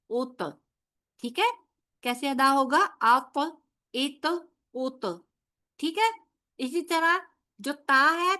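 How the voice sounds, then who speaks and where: Modelling each letter sound with patience, a female Quran recitation teacher leads a tajweed lesson and checks that her students are following. She speaks in a high-pitched voice that sounds pushed and bright.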